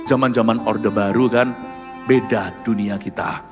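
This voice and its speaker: A middle-aged pastor from Surabaya preaching and telling personal stories, swinging from loud outbursts to soft confessions. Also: male voice, lowish voice, fairly even intonation, unhurried. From Surabaya, Indonesia. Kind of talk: sermon with personal storytelling. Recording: echoey hall with music behind.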